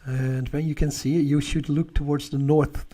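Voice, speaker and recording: A man with a slightly high voice and a Dutch accent talks at normal speed while hosting a live stargazing stream. As an astronomy livestream host he is relaxed and chatty, answering viewers' comments and laughing frequently.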